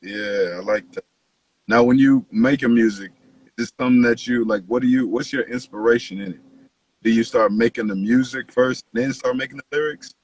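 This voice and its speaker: A man hosting a podcast in a casual, slangy, profanity-laced chat, with a husky voice. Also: medium pitch, fairly even intonation, moderate pace, slight background noise, poor audio. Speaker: podcast host, interviewer.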